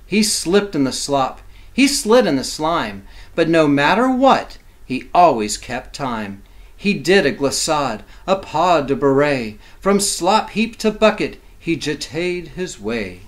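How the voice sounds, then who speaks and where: The speaker is a man playing teacher, reading a storybook expressively to young listeners and slipping in simple explanatory comments. His voice runs on the high side, and the pace is slow.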